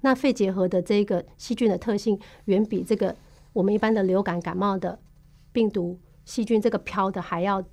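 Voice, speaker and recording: A tuberculosis case manager with a Taiwanese Mandarin accent explains medical procedures in a podcast interview, patient and measured, pausing often on small fillers. Her voice is a middle pitch for a woman, gravelly and darkish, with fairly even intonation.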